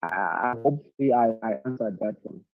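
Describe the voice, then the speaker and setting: Man from Zimbabwe, halting, tinny call audio. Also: on the low side, soft background music. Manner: thoughtful, halting, repeats words while searching for them. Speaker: leadership speaker answering questions. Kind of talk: online masterclass Q&A.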